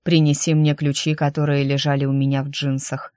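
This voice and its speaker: A narrator reading the lines of a calm, persuasive young man in an audiobook, low and earnest. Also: brisk, no echo, studio quality, close to an everyday voice. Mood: pleading.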